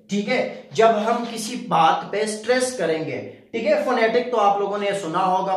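High-voiced male teacher in an echoey room. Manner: repeats "theek hai" as a verbal tic, asks the viewer rhetorical questions. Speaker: English teacher. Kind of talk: casual video lesson.

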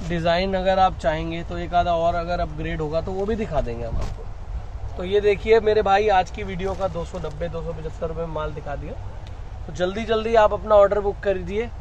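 Man, high voice, wholesale shop seller, pushy pitch, faint street noise behind. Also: darkish tone, low-quality recording. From India. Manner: pushy salesman patter, keeps calling the viewer brother. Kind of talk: sales pitch video.

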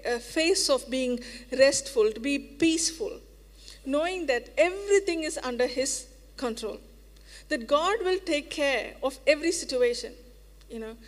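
A woman preacher giving a sermon in an earnest, reassuring way, repeating phrases for emphasis. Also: sits high. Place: church hall. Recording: reverberant church hall.

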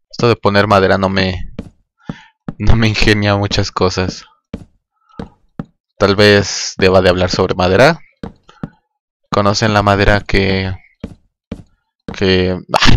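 A man's voice: lowish voice, fairly bright tone, slight background noise. A man with a Mexican accent giving casual, profane gameplay commentary, rambling to his viewers and mouthing rhythmic noises as he works. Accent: Mexican Spanish. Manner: hums and mouths rhythmic noises while working. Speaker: gaming channel host.

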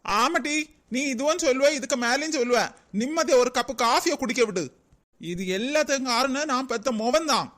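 A woman's voice: high-pitched, fairly quick, a bit bright. A woman voicing a put-upon middle-aged husband in a cartoon, with a Kanyakumari Tamil accent, complaining and grumbling.

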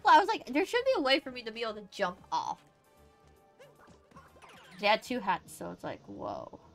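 A high-pitched woman streaming a game. Her voice leaps up and down as she giggles and chats to the characters, and she takes her time between remarks, with faint game music underneath. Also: wildly swooping pitch, unhurried, long pauses, fairly bright tone. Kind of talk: casual gameplay commentary.

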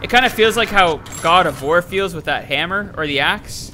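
At a desk in a small room, a young adult man on a headset plays a shooter and delivers casual let's-play commentary as a gaming streamer. He sounds excitable and jokey, talking back to the game in a high voice at normal speed, with a little hiss or hum in the recording.

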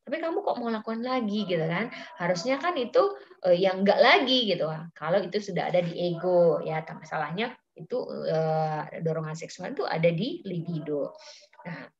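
Chatty woman lecturer, low voice, dull audio. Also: lively intonation, normal speed. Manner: chatty, many fillers, acts out quoted dialogue. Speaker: psychology lecturer and counselor. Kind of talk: informal lecture.

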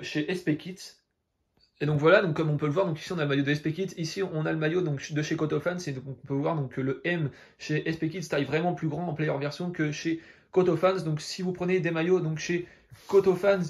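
A young man with a French accent reviewing a football jersey in a casual vlog, rambling and filling nearly every phrase with hesitations. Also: on the high side. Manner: rambling, fills every phrase with "donc" and "euh".

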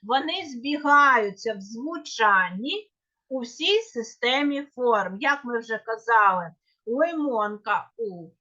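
Slow, bright-voiced woman teaching. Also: sits high. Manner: careful, with small self-corrections. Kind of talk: lecture on grammar. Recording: dull lo-fi recording.

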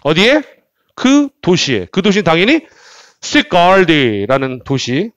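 A man teaching English in a lively classroom lecture style, often repeating words and asking the class questions. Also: on the high side, measured pace, dry recording, lo-fi sound. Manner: animated, repeats words and asks rhetorical questions.

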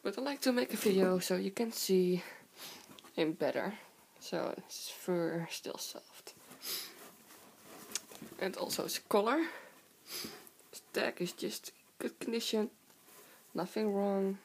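A young woman with a hoarse, sore-throat voice from a cold, chatting casually in a halting, giggly way as she hosts a show-and-tell vlog. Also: medium pitch, darkish tone, slight background noise. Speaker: video host. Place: indoor room with wooden floor. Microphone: handheld camera close by.

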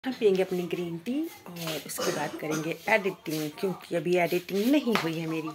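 A woman's voice: on the low side, moderate pace, noisy background. A woman in her thirties chatting casually to her viewers as she narrates her day for a vlog. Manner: chatty, addresses viewers directly. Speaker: vlogger.

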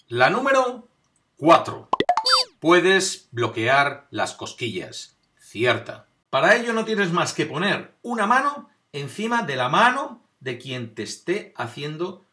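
A man hosting a quiz video, explaining answers one by one and talking straight to the viewer, dragging out each number as he reveals it. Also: fairly high pitch. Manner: animated, drawn-out number reveals; addresses viewer directly, demonstrates on camera.

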